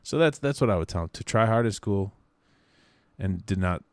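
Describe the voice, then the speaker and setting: A man's voice: on the low side, animated, moderate pace, dry recording. A man in his early thirties in casual chat, rambling wryly, restarting sentences and swearing now and then. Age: 30s. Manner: rambling, self-correcting, wry and profane.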